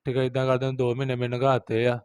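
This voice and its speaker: Fast-talking Punjabi-accented man, flat delivery. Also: medium pitch, clean tone. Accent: Pakistani Punjabi. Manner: recounts events, quoting others in repetitive phrases. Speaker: interviewee, rickshaw driver. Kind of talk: street interview.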